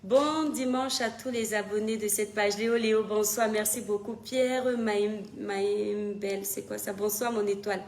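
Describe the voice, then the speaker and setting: A woman hosting a casual live stream, greeting viewers, laughing often and scolding them in an animated way. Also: mid-range voice, unhurried, few pauses. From Cameroon. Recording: echoey room with faint background noise.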